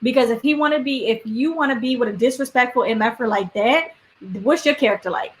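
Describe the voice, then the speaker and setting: A fired-up woman co-host on a casual panel chat, speaking bluntly with lots of slang. Her voice sits a little high. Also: a little fast, a little hiss or hum, low-quality recording. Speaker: podcast co-host.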